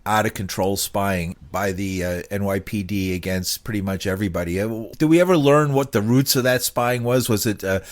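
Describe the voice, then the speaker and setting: A man's voice: on the low side, normal speed, hardly any pauses. A man reading a news introduction, then asking an interview guest questions with short affirmations. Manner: steady reporter's read, brief affirmations. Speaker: interviewer and narrator.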